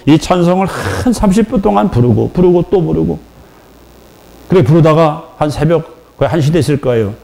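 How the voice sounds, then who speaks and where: A male pastor preaching a sermon in a church, telling an emotional personal story with acted dialogue and rising to near-shouting at its peaks. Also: on the high side, lively intonation, moderate pace, gravelly.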